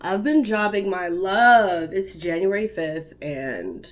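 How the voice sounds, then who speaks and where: Speaking at medium pitch and a slow, animated pace, this vlogger and podcast host sounds stuffed up as she talks to a tripod-mounted camera indoors. It's a playful, slang-heavy day-in-the-life chat from her apartment living room, and she's a young woman.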